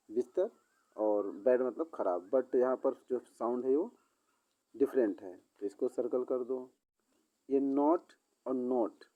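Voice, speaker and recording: A man explains an English lesson to schoolchildren at a very slow, patient pace and stops often to restate words. His voice is mellow and dark. The recording sounds dull and lo-fi. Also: medium pitch. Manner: explains English words in Hindi, slow and repetitive, reads English sentences haltingly. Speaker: teacher.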